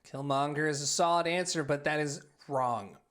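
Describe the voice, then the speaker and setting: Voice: mid-range voice, moderate pace, a bit bright. A game show host running a quiz casually, announcing answers and scores in a conversational way.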